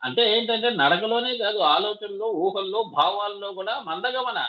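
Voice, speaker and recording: A man's voice: high voice, moderate pace, dull audio. A man giving a devotional discourse as a spiritual teacher, often asking his listeners rhetorical questions and calling them child.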